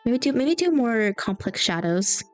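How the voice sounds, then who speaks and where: A young adult woman chats casually while drawing on stream, rambling through stories over faint background music. Her voice is on the high side and very animated, and she speaks a little slowly.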